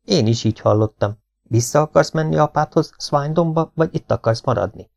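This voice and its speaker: A man voicing a brisk, matter-of-fact police officer questioning a family. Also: on the high side, gravelly, darkish tone, voice pushed up. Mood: businesslike. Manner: businesslike questioning. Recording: dull lo-fi recording.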